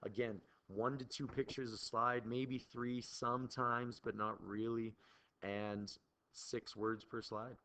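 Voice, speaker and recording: A male teacher giving a recorded lesson to his class in an informal, animated way, with joking exclamations. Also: mid-range voice, slow pace.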